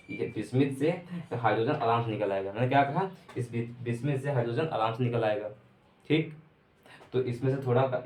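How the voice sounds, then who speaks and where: In an echoey room, a man with a mid-range, darkish voice teaches an online chemistry lecture. He goes over points again and again and poses rhetorical questions built around homely examples.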